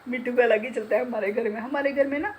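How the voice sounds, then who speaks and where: A woman's voice: a little high, steady tone, fast talker, darkish tone, slight background noise, poor audio. A middle-aged woman chatting casually in a home vlog, talkative and self-mocking, often breaking into laughter. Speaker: vlogger, beauty salon owner.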